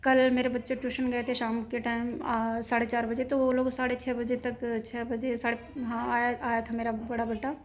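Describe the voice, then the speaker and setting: A woman vlogs from her home kitchen on a phone camera, speaking to her viewers in a shaken, anxious way. Her voice sits a bit high and stays flat, with little rise and fall. A faint hiss of noise runs underneath. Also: normal speed, few pauses, muffled recording. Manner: shaken, retelling a scare at length, anxious. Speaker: vlogger, mother. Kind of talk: casual home vlog, talking to camera.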